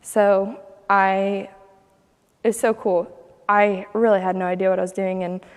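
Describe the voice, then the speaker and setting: A woman's voice: mid-range voice, flat delivery, measured pace, clean tone, big-room sound. A young woman from Ohio casually telling a personal story as a guest, chatty and laughing often as she acts out what others said. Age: young adult.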